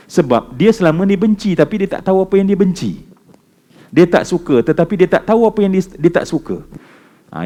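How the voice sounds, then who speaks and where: A man with a Malaysian Malay accent preaching at a mosque, telling a story that swings between loud exclamations and hushed, slow recitation. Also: sits high. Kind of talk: mosque lecture.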